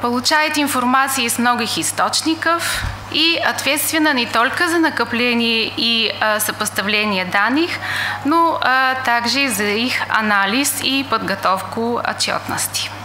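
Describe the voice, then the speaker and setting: A woman with a foreign accent, speaking as a non-native, gives a slide lecture in a higher-pitched, bright voice. She hesitates often as she goes. The indoor room rings around her, with some light noise in the recording. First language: not a native Russian speaker. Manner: halting, frequent hesitations. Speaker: conference lecturer. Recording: echoey room with faint hiss.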